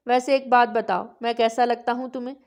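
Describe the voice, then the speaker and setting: A woman narrator voicing a gentle young man who cares for a girl, speaking softly and coaxingly in an audiobook. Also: on the high side, fairly even intonation, natural voice. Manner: soft, coaxing.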